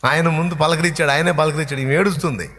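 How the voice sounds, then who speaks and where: A man's voice: a little high, fairly even intonation, fast, fairly bright tone. A male pastor preaching a sermon, emphatic and repetitive as he drives each point home. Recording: long hall reverb.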